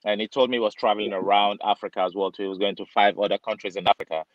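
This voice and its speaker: Talking very fast in a flat, low-ish voice, a barber from Nigeria recounts a story on a video call, full of fillers, chatty, and voicing the characters himself. The webcam sound has no echo but comes through dull and lo-fi.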